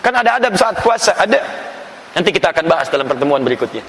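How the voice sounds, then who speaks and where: A man giving a religious lesson in an emphatic, animated way, often quoting Arabic phrases. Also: a little high, quick pace. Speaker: religious teacher. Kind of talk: sermon-style religious lesson. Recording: echoey hall with long reverb.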